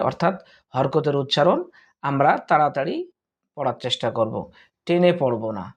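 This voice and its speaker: A man with a Bangladeshi Bengali accent teaching Quran recitation, chanting verses slowly and spelling out letters syllable by syllable. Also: mid-range voice. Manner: slow, drawn-out melodic recitation; patient step-by-step teaching, repeating syllables.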